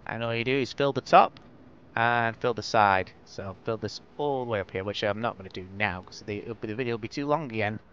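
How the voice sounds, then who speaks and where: A Lancashire-accented man from northwest England speaks briskly in a lowish, slightly bright voice, casually rambling and poking fun at himself as he hosts a game-building tutorial. A dull lo-fi mic records him alongside clear background noise.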